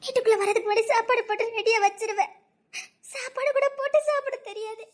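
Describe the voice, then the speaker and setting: Woman as a devoted wife, very high voice, earnest pleading, web drama acting. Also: fast talker, faint music behind. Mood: tearful. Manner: earnest, pleading protests, sobbing through laughter. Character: devoted working wife, anxious and tearful.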